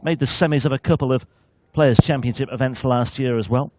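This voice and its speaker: A man's voice: medium pitch, brisk, dull audio, very noisy. A man giving analytical sports commentary as a darts co-commentator.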